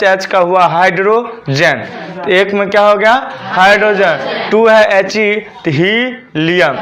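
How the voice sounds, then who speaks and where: A man's voice: high voice, fairly bright tone. A male teacher, giving a classroom lesson and drilling students with repeated questions for them to answer back.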